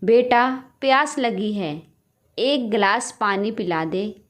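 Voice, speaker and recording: A woman voicing a calm, patient elderly mother in a storybook tale, soft-spoken. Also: mid-range voice, slow pace.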